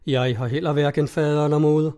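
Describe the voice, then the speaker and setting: An eager, newly rich young carpenter presses his suit with pleading urgency, read by a man. The voice is mellow and dark in tone while sitting a touch high. He sounds earnest and hopeful. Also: little pitch movement, smooth, close to an everyday voice.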